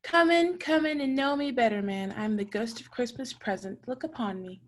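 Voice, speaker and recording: An imperious, hearty spirit of Christmas acted by a woman. The voice is fairly high and declaims commandingly, in the style of a radio play. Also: normal speed, natural voice. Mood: bold, challenging.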